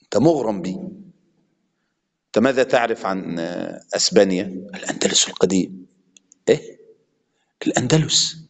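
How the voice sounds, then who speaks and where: A man's voice: low-pitched, expressive, fairly quick, gravelly, long pauses. A man with an Egyptian accent preaching an impassioned sermon, mixing classical and colloquial Arabic. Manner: impassioned, switching between classical and colloquial speech. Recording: long hall reverb.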